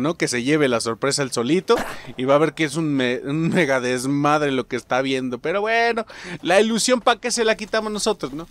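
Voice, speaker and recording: A man's voice: mid-range voice, fairly bright tone. A man with a Mexican accent doing let's play commentary as a gaming channel host, joking, swearing freely and talking to his viewers like buddies. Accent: Mexican Spanish.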